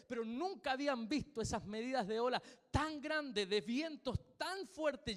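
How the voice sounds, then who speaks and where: A pastor with a Chilean accent preaches emphatically in a church sanctuary, repeating his points and putting questions to the congregation. His voice is extremely high-pitched and a bit bright, carried by the long reverb of the church hall.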